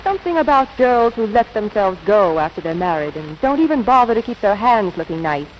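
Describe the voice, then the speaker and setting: Her medium-pitched voice very animated and fairly quick, a woman performs a lightly acted 1940s radio ad as a chatty storyteller, gushing and confiding like she's telling a bedtime story in a theatrical storybook style. The lo-fi sound comes from a noisy old broadcast recording.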